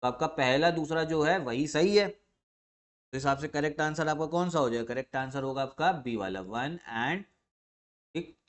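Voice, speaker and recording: A male teacher with a somewhat high voice leads an exam revision lecture. He fires off his own questions, then answers them, repeating each key term for emphasis. He mixes in English words and often pauses to clear his throat. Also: lively intonation.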